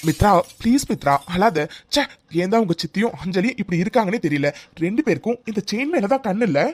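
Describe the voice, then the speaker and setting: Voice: medium pitch, expressive, fast talker, no echo, lightly acted. A performer voicing a supportive young man in a cartoon, reassuring and soothing. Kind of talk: cartoon voice acting.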